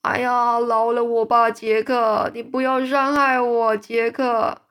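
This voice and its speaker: A woman's voice: a little high, little pitch movement, takes it slowly, fairly bright tone, clear, resonant tone, voice pushed up. A woman voicing a huge man-eating male giant who screams and begs in his nightmare, in a storybook read-aloud. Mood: panicked pleading. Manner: screaming, begging, panicked.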